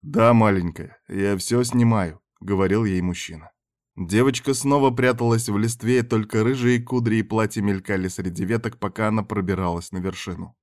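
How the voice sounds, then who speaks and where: A man narrating an audiobook chapter in a measured, even reading voice. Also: on the low side, dry recording, studio quality.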